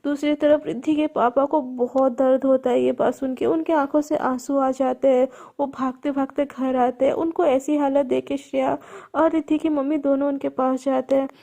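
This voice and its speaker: A woman's voice: high-pitched, steady tone, moderate pace, vocal fry, warm tone. A woman casually narrating a story in a conversational, retelling manner.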